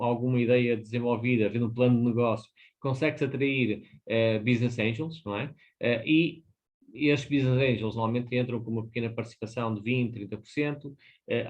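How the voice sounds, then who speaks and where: A man's voice: on the low side, darkish tone. A man in his fifties with a European Portuguese accent, giving a hesitant, explanatory webinar presentation over a video call. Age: 50s. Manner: explanatory, hesitant, often adds tag questions. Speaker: webinar presenter on business financing. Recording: dull lo-fi webinar audio.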